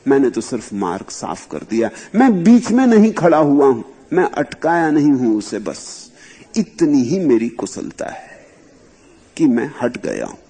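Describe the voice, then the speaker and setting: A man giving a measured, reflective spiritual discourse, repeating poetic refrains as he goes. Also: medium pitch, very animated, mellow, slightly rough. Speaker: spiritual teacher.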